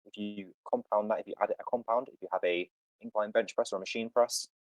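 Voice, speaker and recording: On a casual fitness podcast, a man confidently walks a caller through training ideas over a voice call. His pitch is fairly low, his tone steady, and he talks fast; the recording is dry and lo-fi.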